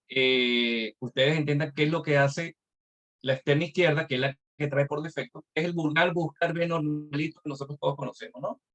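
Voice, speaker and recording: A man's voice: a little high, fairly bright tone. A male instructor teaching a live online class, explaining patiently step by step with examples.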